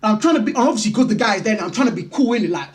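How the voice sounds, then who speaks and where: A London-accented man hosts a vlog, retelling a personal story in a casual, slangy, animated way. His voice sits high and he talks at a racing pace.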